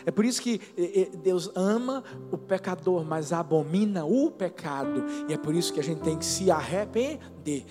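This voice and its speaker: Male pastor, high voice, emotive storytelling sermon; long hall reverb, music beneath. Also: expressive, moderate pace, hardly any pauses. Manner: emotive storytelling preacher, swings between soft and loud. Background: musical instrument playing.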